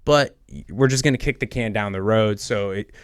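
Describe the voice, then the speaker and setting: A young man casually talking politics with his brother, animated and nerdy with joking asides. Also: on the low side, clean tone, no room sound, clean studio sound. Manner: animated, self-described nerd, quick jokey asides. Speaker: podcast co-host.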